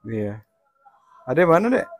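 A man's voice: fairly high pitch, sing-song, takes it slowly, crowd noise. A middle-aged man, chatting casually while playing an online game with his child and keeps asking questions to guide them along. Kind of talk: casual gameplay chat.

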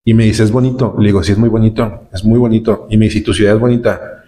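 This man's lowish, dark voice moves fast with little pitch movement as he rambles through a travel story. He's a vlogger from Nuevo León with a northern Mexican accent, full of fillers and repeated words.

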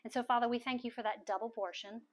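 A middle-aged woman minister praying over people at a house meeting, soft-spoken and coaxing, often repeating her phrases. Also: fairly high pitch, steady tone, fast talker. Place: large living room full of people.

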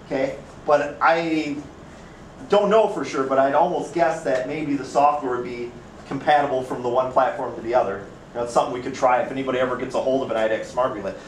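Here the Upper Midwest instructor's voice is mid-range and brisk, with slight background noise. He keeps the lecture casual and chatty, regularly asking his students questions, heard from far away in an echoey classroom.

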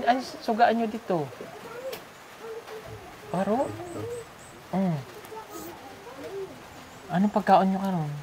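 A woman vlogger chatting with a family at their home, coaxing and teasing with lots of questions. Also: mid-range voice. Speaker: vlogger visiting a sponsored child. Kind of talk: casual vlog chat.

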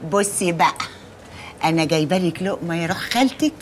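An actress with an Egyptian accent playing a loud, nosy working-class aunt in a TV comedy. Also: female voice, lowish voice, animated, slight background noise, lightly acted. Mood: teasing. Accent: Egyptian Arabic. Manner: boisterous, teasing, quick-tongued. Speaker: visiting aunt. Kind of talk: TV comedy acting. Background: music.

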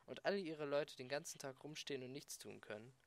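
A man voicing a smooth-talking, scheming alien friend who patiently coaxes others, read in an amateur audiobook. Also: mid-range voice, brisk, pitched above the performer's own voice, natural voice. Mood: coaxing. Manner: persuasive, coaxing and patient.

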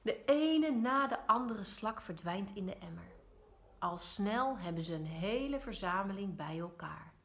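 A woman teacher reading a storybook aloud to children. Her delivery is lively and expressive, her pitch sweeping up and down through the sentences. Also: measured pace.

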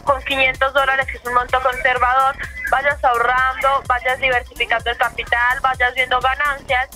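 A woman with a Colombian accent making a persuasive, reassuring sales pitch as an account manager over the phone. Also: little pitch movement, normal speed, sharp tone, faint music behind. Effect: heard over a phone call. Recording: phone call played on speakerphone.

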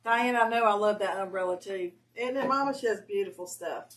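A woman's voice: mid-range voice, brisk, fairly bright tone. A woman with a Southern accent co-hosting a craft livestream, friendly, reading out viewer comments and greeting people by name. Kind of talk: casual livestream chat. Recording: voice picked up from across the room.

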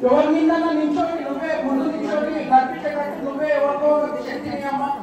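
A man's voice: extremely high pitch, level tone, quick pace, over a noisy crowd. A man making a devotee's earnest petition to an oracle outdoors. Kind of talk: pleading petition to a goddess. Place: outdoor hillside temple gathering. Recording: echoing PA heard from far off.

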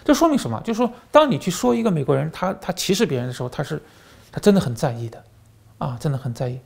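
A man's voice: a little high, very animated, fast talker, creaky, darkish tone. A man hosting a commentary channel, telling stories animatedly with lots of fillers and repeated words. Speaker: channel host and former journalist. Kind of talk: political commentary monologue.

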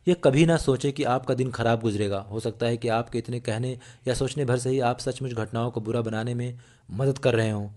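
A man reading a self-help audiobook aloud in a steady, earnest way, with small slips and restarts. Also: mid-range voice. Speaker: audiobook narrator. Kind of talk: scripted audiobook narration.

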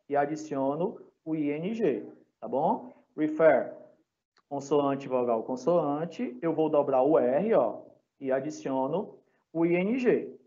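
Slow, patient Brazilian male teacher. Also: a little high, warm tone, dull audio. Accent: Brazilian Portuguese. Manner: patient, checks in constantly with "tá?" and "certo?"; spells out letters slowly. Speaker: English teacher. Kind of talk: recorded online class lesson. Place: classroom or home for a live online class.

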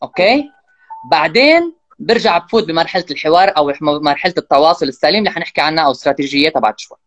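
Fast-talking man explaining parenting. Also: a little high. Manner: fast, animated, acts out parent and child lines. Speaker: guest expert on parenting. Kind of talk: casual explanatory interview talk.

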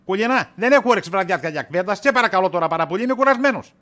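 A weary shopkeeper husband, as a man acts him out, high-pitched and bright, brushing off accusations with sarcasm. He sounds worn out and exasperated throughout the comic scene. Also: lively intonation. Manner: exasperated, dodging, wisecracking. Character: tired, evasive shopkeeper husband, middle-aged. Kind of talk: comedy sketch acting.

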